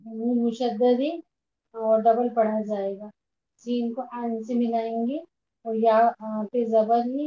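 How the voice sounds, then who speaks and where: A woman's voice: fairly high pitch, roomy sound, highs cut off, slight background noise. A woman student in an online class, methodically reciting and explaining recitation rules. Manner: careful, methodical. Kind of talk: slow recitation and rule explanation.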